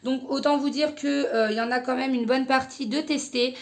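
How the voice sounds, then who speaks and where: A woman's voice: high voice, steady tone, moderate pace. Hesitant young French woman reviewing makeup. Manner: hesitant, many fillers. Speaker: beauty vlogger. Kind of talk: casual product review.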